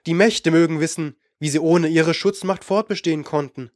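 Tense hurried young mage, urgent and clipped, slightly raised voice, played by a male reader. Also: on the high side, no echo, clean studio sound, lightly acted.

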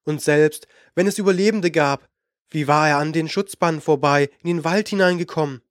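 Guy narrating fantasy audiobook, measured n dramatic, bit higher voice, dry. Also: no echo. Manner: measured, dramatic, slowing for suspense.

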